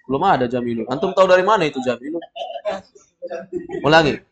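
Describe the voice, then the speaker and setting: A man's voice: a little high, animated, quick pace, a crowd in the background. A man leads a language class, drilling his students and quizzing them. He corrects mistakes directly and keeps the lesson moving. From Indonesia. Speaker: Arabic teacher.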